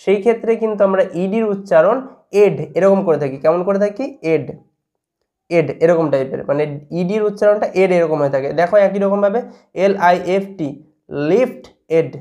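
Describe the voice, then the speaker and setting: A man with a Bengali accent and a fairly high voice teaches a video lesson step by step. He spells each word out letter by letter, then poses a question and answers it himself. He is recorded close to the mic. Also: warm tone. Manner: asks the viewer questions and answers them. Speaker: English teacher.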